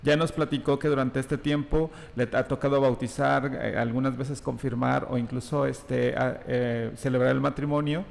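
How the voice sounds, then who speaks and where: Mexican male host, gravelly voice, halting questions, roomy reverb. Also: mid-range voice, fairly even intonation. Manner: hesitant, many fillers and restarts. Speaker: interview host. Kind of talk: interview questions. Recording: reverberant room.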